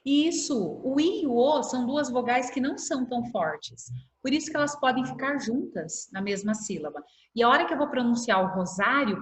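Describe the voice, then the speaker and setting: A patient Brazilian woman teaching young children over a video call, her voice fairly high and lively as it rises and falls through each explanation. She draws out words slowly to show their sounds, and the laptop mic picks up a lot of room echo. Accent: Brazilian Portuguese. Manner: patient, stretches words slowly to spell them out. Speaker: primary school teacher. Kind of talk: online class explanation. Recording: echoey video-call audio.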